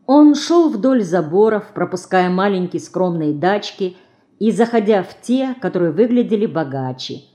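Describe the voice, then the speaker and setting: A woman narrating an audiobook in an even, measured storytelling manner. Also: mid-range voice. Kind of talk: scripted narration.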